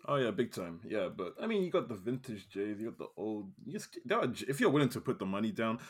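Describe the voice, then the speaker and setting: Laid-back low-voiced man with slang. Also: big pitch swings, fast, breathy edge. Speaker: podcast co-host. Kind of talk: casual film review chat.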